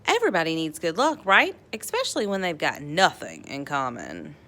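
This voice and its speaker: Reading a storybook aloud to children, this low-pitched woman sounds bright and animated. She stretches words out playfully and leans on dramatic emphasis for an expressive picture book read-aloud.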